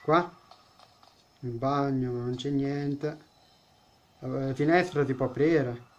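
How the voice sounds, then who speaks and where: A man's voice: mid-range voice, steady tone, slow pace, a little mellow, a little hiss or hum. A man giving let's-play commentary on a horror game as a gaming YouTuber, joking, chatting with the game characters and blurting out startled exclamations.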